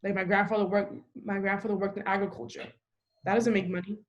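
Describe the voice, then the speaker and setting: A young woman from the Dominican Republic chats casually on a podcast. She talks in a loose, emphatic way, leaning on "like" as a filler. Her voice sits at an ordinary middle pitch. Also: level tone, quick pace, muffled recording. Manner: talkative, frequent "like" fillers, emphatic. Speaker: podcast host.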